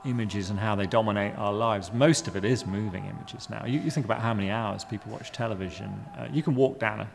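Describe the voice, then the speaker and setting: A man in his fifties from Guyana answers interview questions about his art, halting and wry, full of ums and restarts. His voice is gravelly. The sound carries a long reverb from a large exhibition space. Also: lowish voice, soft background music. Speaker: artist interviewee. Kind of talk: hesitant reflective interview answers. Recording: reverberant room.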